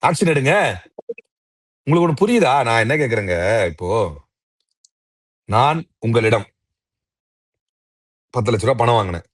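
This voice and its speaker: A man's voice: mid-range voice, animated, normal speed, pauses often, no room sound, studio quality. A man arguing politics in an interview, combative and mocking, firing off rhetorical questions. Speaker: interview guest, political commentator. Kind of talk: heated political argument.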